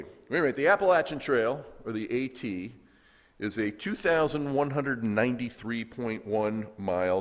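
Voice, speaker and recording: A man with a Southern American accent preaching as a guest pastor, folksy and joking with the congregation. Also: medium pitch. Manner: folksy, animated, jokes with the congregation. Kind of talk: sermon with humor and audience call-and-response. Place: church sanctuary. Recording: echoey church hall.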